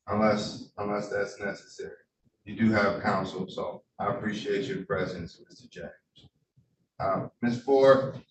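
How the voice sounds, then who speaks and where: A man presiding as a judge over a remote hearing, formal and polite, with frequent hesitations, heard as a courtroom recording. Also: on the low side. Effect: courtroom recording from a distant room mic. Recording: roomy courtroom audio from afar, faint hum.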